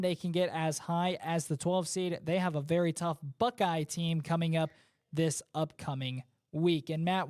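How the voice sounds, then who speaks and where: A man hosting a sports talk show in a high, bright register. He runs through playoff scenarios with lively energy, and the recording is dry and close with no room sound. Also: no room sound.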